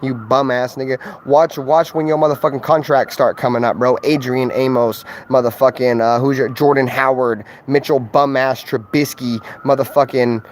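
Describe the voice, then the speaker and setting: A man's voice: mid-range voice, steady tone, moderate pace, hardly any pauses, slight background noise. A man streaming live as a sports fan, trash-talking in a loose, profane, slang-heavy way and rambling with lots of fillers. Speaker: sports livestreamer. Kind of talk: casual livestream trash talk.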